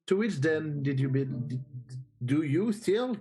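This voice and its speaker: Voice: mid-range voice, lively intonation, a little slow, warm tone. A tabletop game player chatting casually in character and asking questions. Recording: echoey reverberant room, music underneath.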